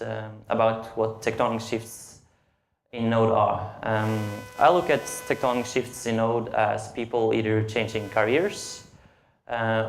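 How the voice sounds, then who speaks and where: Hesitant young Norwegian man, gravelly voice. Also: medium pitch, a little hiss or hum. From Norway. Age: late teens. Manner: hesitant, with frequent "uh" and "um" fillers. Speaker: conference speaker. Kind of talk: tech meetup presentation. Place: meetup event room. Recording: roomy echo of a meeting room.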